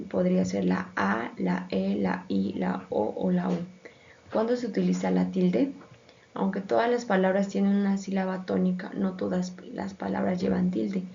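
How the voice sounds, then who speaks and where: A woman's voice: mid-range voice, gravelly, dark tone. A woman reading a school presentation, hesitant and full of fillers. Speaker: student presenter. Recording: dull lo-fi sound.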